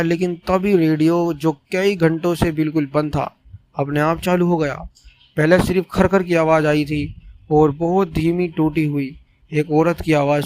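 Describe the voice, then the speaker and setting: Man narrating a horror story, slightly high voice. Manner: steady, suspenseful first-person telling.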